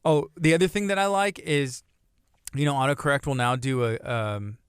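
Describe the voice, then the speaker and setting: Host, thirties, Texan, relaxed and chatty, smooth mid voice. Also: female voice, a bass voice, moderate pace, no echo, clean studio sound. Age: 30s. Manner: easygoing, chatty. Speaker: radio host. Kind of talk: casual radio chat.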